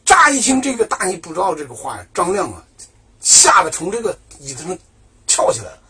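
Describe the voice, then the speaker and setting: This high, husky male voice moves at a fairly quick clip as he chats his way through a historical tale. He's animated and conversational, raising his own questions only to answer them.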